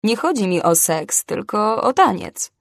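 A woman's voice: medium pitch, big pitch swings, a little slow, dry recording, studio quality. Woman reading a pleading male customer. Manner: soft, persistent pleading.

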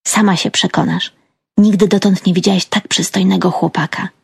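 This is an eager, lovestruck young woman from an audiobook, hushed and confiding , as a woman narrator puts her on. The sound is close and dry. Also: medium pitch, a little fast, no room sound, natural voice. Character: excited young woman in love.

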